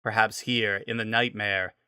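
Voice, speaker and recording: A man's voice: lowish voice, little pitch movement, a little slow, pushed and bright, clean tone, no echo, clean studio sound. A man reading a scripted story as its narrator, in a dramatic style.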